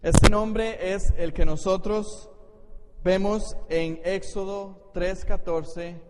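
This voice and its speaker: Costa Rican pastor teaching in a church. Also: male voice, high-pitched, fairly even intonation, takes it slowly. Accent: Costa Rican Spanish. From Costa Rica. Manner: explanatory, checks in with the congregation. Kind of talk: Bible study teaching. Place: church hall. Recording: echoey church hall, faint noise.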